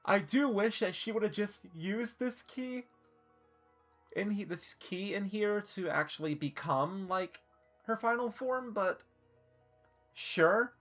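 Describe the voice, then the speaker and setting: A woman's voice: medium pitch, expressive, takes it slowly, faint music behind. Hiccuping, chatty woman streamer, swearing. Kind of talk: casual live-stream chat ranking costumes.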